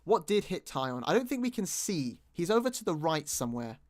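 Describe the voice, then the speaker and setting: A man's voice: fairly high pitch, very animated, brisk. A British man giving casual, rambling commentary as he rewatches his own video, often restarting his sentences and poking fun at himself. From Britain. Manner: rambling, self-mocking, many restarts. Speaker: YouTube creator.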